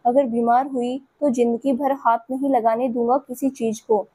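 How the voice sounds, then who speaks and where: A woman voicing an affectionate, teasing young man who speaks gently and coaxingly. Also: on the high side, steady tone, normal speed, slightly rough, no echo.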